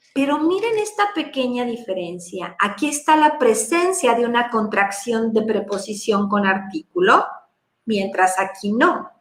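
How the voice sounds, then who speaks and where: Woman lecturer, high voice, unhurried and deliberate, roomy echo. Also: sharp tone. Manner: slow, deliberate explanation with rhetorical questions. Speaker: lecturer on language teaching for deaf children. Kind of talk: virtual conference lecture. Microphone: video call.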